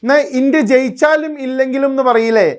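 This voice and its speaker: A man's voice: very high voice, quick pace, smooth. A male teacher giving an exam-prep lecture, firing rhetorical questions at his students and mixing Malayalam with terms. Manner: quizzing listeners with rhetorical questions. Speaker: English teacher.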